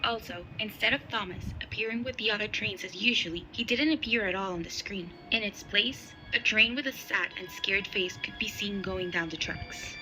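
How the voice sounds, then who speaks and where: A woman reading a scripted horror story in an even, measured way. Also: mid-range voice, poor audio. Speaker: narrator. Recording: music playing underneath.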